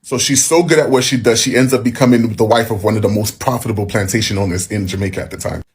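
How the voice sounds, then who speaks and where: A man giving casual, slangy storytelling commentary in a husky voice. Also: on the low side, fairly even intonation, fast talker. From Haitian background.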